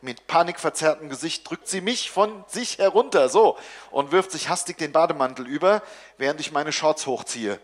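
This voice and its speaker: Male author, 40s, deadpan live comic reading, slightly high voice. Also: moderate pace. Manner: dry, deadpan first-person narration riding audience laughs. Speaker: author reading his novel.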